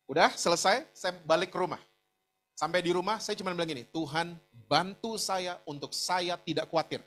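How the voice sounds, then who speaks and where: A man's voice: high-pitched, a bit bright. A middle-aged man preaching a sermon, telling a personal story with frequent asides to the congregation. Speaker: pastor.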